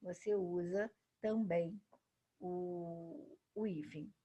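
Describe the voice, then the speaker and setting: A woman's voice: fairly low pitch, fairly even intonation, drawn-out words, dark tone, breathy edge. A woman teacher explaining grammar rules, stressing key words and answering questions she poses herself. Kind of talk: grammar lesson.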